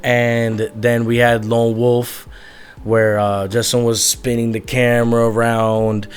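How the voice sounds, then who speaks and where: Over soft background music, a young male musician speaks slowly with a flat delivery in a clear, resonant, medium-pitched voice. The conversation is candid and casual, and he rambles, using "like" constantly as filler.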